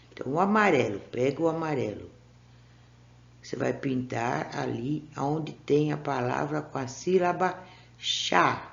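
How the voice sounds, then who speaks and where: Slow, gravelly Brazilian woman teacher. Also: low voice, darkish tone. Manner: patient, clear, step-by-step instructions to children. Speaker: primary school teacher. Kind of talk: recorded remote class for young children. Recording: dull lo-fi recording.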